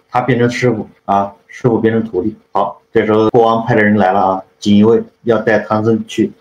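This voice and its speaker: A man's voice: fairly low pitch, a little mellow, a little hiss or hum. A man casually retelling a classic story in a rambling way, full of tag questions and repeated fillers. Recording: echoey, dull lo-fi room recording.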